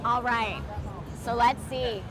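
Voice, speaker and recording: A woman's voice: on the high side, steady tone, takes it slowly, noisy background. A woman hosting a live event in an unscripted, conversational way. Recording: music and crowd in busy venue.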